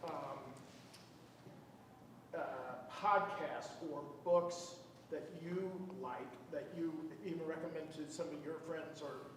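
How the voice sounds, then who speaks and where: A man's voice: on the high side, fairly even intonation, takes it slowly, a bit bright. A middle-aged man in a conference audience asking a question in a chatty, joking way. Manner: chatty and jokey, with laughs and fillers. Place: conference hall. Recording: distant, echoey hall with noise.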